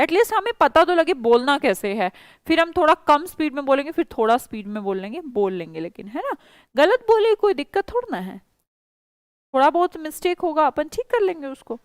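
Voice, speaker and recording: A woman's voice: high voice, dry recording. A woman with an Indian accent teaching a spoken English class online, coaxing and reassuring her students.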